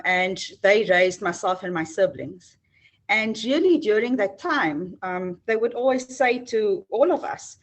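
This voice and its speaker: Earnest South African businesswoman. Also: mid-range voice. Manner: warm, earnest, with frequent ums and restarts. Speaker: HR executive, guest. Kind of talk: interview answers.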